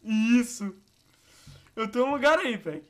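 Excitable high-voiced Brazilian young man. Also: slow. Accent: Brazilian Portuguese. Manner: excitable, shrieking laughter, playful teasing. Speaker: gaming video host. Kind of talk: playful game commentary.

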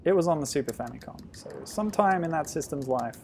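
A man casually commenting on a retro game as he plays, thinking aloud with sudden loud exclamations. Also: on the high side, animated, fast, a little hiss or hum. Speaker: streamer.

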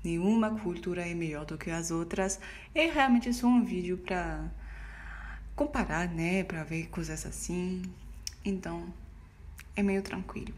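A woman's voice: lowish voice, a little slow, slight background noise. A young woman from France with a French accent, a native French speaker, hosting a casual reaction vlog in a friendly, hesitant way from a home office, filmed by a camera in front. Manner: friendly, hesitant phrasing with restarts. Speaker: reaction vlogger. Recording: roomy echo, distant mic, music behind.

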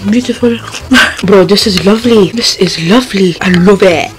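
A woman's voice: medium pitch, moderate pace, soft background music. A woman food vlogger chatting casually with her mouth full while chewing. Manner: chatty, jokey, self-deprecating. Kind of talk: casual food vlog chat.

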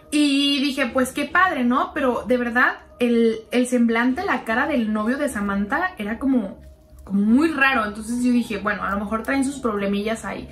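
A young woman narrates a gossip story in a chatty, confiding tone, as if telling it to a close friend. Her voice sits a little high. Soft music plays faintly underneath. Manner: chatty, confiding, keeps calling the listener "sister". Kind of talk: gossipy storytime narration over a slime video.

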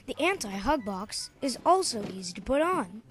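A narrator reading a scripted spoof infomercial in a sales-pitch delivery. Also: big pitch swings, normal speed, faint music behind.

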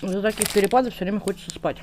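A woman's voice: mid-range voice, very fast, noisy background. A woman hosting a mukbang, chatting casually to the camera with her mouth full. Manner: chatty, talking while chewing. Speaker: mukbang host. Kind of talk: casual eating chat to camera.

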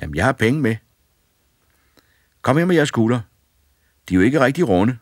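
Brief: male narrator's high, brash voice for a fearless young lad, dry read. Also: animated, no echo, lightly acted. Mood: cheerful. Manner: bright, brash and eager. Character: fearless, cheeky young boy who cannot feel fear. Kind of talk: audiobook fairy tale reading.

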